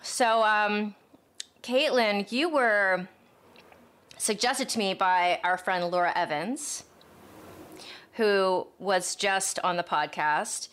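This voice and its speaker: A woman's voice: medium pitch, slow, pauses often, a bit bright, smooth. An American woman hosting a podcast in a casual, chatty, slangy way. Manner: informal, slangy, addresses listeners as friends. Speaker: podcast host.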